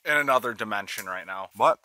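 Inside a tipi hot tent in a forest, a young man with a lowish voice talks fast into a handheld camera, vlogging his fishing and camping trip. He comes across as an excited but worn-out outdoorsman giving casual narration. The outdoor camera audio is noisy, with a pan sizzling nearby.

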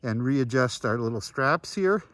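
A man's voice: medium pitch, dry recording. Man talking through a face mask. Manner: relaxed, chatty, halting with fillers. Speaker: product reviewer. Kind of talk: casual review. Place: outdoors at high altitude.

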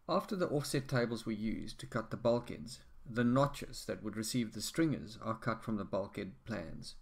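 A man narrating a home boatbuilding project as an instructional voice-over, explaining steps in a measured, practical way. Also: fairly low pitch. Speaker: amateur boatbuilder.

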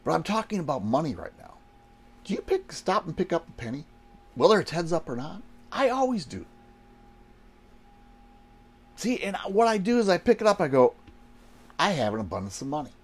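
Man in his sixties, slightly high voice, folksy coaching vlog, rhetorical questions, inside a small trailer. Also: big pitch swings, normal speed, long pauses, slightly rough. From Wisconsin, United States. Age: 60s. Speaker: online business coach. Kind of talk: casual motivational vlog talk to camera.

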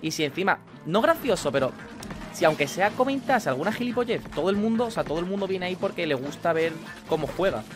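Young man, Spain Spanish accent, casual gameplay commentary, fairly high voice, game music behind. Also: quick pace. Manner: excitable, swears and yells at the game. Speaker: gaming YouTuber. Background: video game music.

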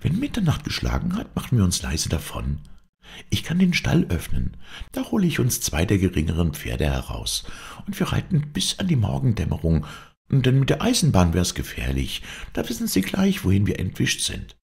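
A man's voice: lowish voice, huge pitch swings, normal speed, gravelly, darkish tone, voice pushed up, exaggerated voice. A man voicing a spirited young woman circus rider in an audiobook, talking in an urgent, playful rush. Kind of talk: audiobook character voice.

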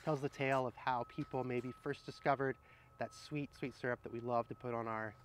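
A middle-aged horticulturist gently explains and reads picture books aloud, casually recommending children's titles and speaking right to viewers from beneath trees in an arboretum garden. His mid-range voice holds a steady tone at a brisk pace, with slight background noise audible.

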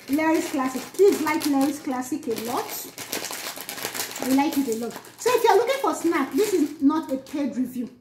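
A woman with a very high voice chats casually through a food tasting, crunching chips and murmuring between phrases. She sounds like she is in an echoey room, with noise and crinkling packets behind her. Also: a little mellow. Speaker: snack reviewer. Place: small bare indoor room. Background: crinkling chip bags, crunching, noise.

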